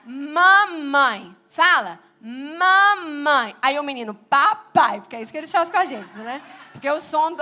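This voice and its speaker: A Brazilian woman in her thirties preaching a Sunday sermon in church, animated and acting out little quoted voices. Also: sits high. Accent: Brazilian Portuguese. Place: church sanctuary.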